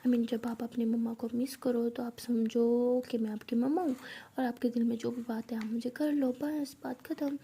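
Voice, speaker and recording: A woman voicing a playful, affectionate young woman who speaks softly, often in a whisper. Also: on the high side, flat delivery, normal speed, husky. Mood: tender.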